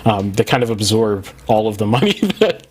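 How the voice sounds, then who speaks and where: A man's voice: fairly low pitch, expressive, normal speed, slightly rough. A man hosting a podcast in casual, rambling talk with many fillers, his overdriven mic clipping and distorting. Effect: clipping, distorted mic turned up too loud. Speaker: podcast host. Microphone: studio mic, gain set too high.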